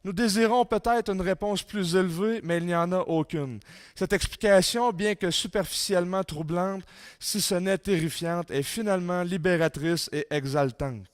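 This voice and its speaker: A man with a Québécois French accent giving a sermon-style talk in a church, reading quotes with rising force and dropping low for emphasis. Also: moderate pace, no room sound, studio quality. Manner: reads quotes aloud with rising intensity, drops low for emphasis. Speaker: conference speaker.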